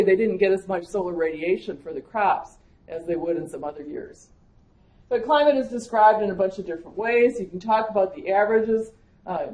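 In an echoey conference room, a woman with a Wisconsin accent, originally from Michigan, USA, lectures conversationally on agricultural climatology. Her medium-pitched voice is a little mellow, and fillers come up often.

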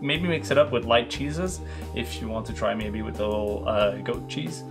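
A man's voice: medium pitch, gravelly, music in the background. Young guy tasting beer at home bar, laid back, lots of uhs, teases his buddy. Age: young adult. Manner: relaxed, halting with fillers, teasing. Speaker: beer review co-host. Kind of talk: casual chat.

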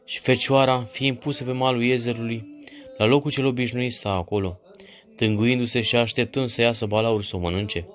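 A man giving a solemn, measured devotional reading of a saint's legend. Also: medium pitch, steady tone. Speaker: reader of a saint's life.

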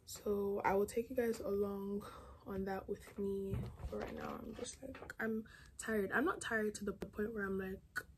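Sitting indoors in her bedroom, a young teenage vlogger talks through her plans to her phone camera held at arm's length, rambling and using "like" often. Her mid-range voice stays steady and unhurried.

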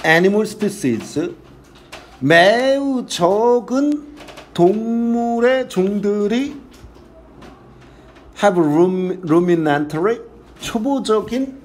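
Man, high and animated, crude classroom English teacher who reads aloud then translates. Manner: blunt and crude, swearing and joking with students. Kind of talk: casual classroom lecture.

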